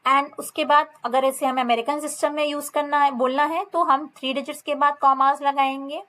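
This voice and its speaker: Indian woman, maths teacher, high voice, step-by-step lesson talk. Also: fairly even intonation, a bit bright. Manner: reads textbook lines slowly, explains in mixed Hindi and English. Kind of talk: classroom lesson explanation.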